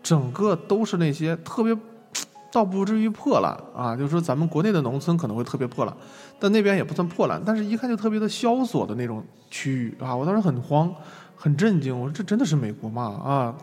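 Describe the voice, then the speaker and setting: A young man from China talks his class through a travel mishap at a brisk clip, his voice sitting a touch high. He mocks himself as he goes, and the recording rings with a long reverb over faint music. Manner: lively, self-mocking storytelling with laughs. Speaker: lecturer. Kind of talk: online lecture storytelling.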